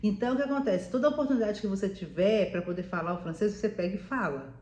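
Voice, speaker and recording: A woman's voice: medium pitch, quick pace, darkish tone. A woman giving casual, chatty advice to viewers, often adding "né?" and calling the listener "meu amor". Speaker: vlogger living abroad. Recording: echoey room.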